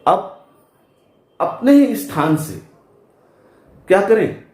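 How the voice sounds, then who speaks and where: A man's voice: high voice, sing-song, extremely slow, a little mellow. A man teaching physics in speech at a board, who asks the class questions and answers them himself. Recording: echoey room.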